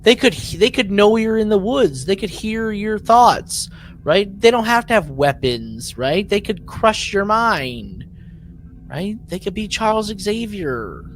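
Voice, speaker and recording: Soft music plays under a podcast co-host's lively, casual recap. His high-pitched voice rises and falls sharply at a measured pace while he speaks with emphasis, repeats himself for effect and acts out mock quotes.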